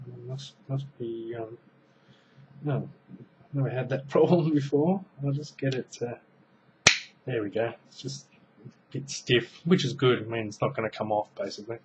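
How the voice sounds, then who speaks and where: Moderately paced with long pauses, this medium-pitched man sounds a little mellow on dull audio with some hiss or hum. He's an Australian reviewer in his thirties, rambling through a casual at-home gadget demo with many ums and restarts while he handles it. A close webcam mic records him in a small room.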